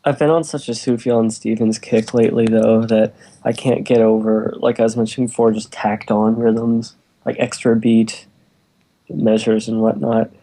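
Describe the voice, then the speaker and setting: A man's voice: lowish voice, little pitch movement, normal speed, mellow, low-quality recording. A laid-back man, a musician, chatting casually and chuckling often. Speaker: musician guest. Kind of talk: casual group chat.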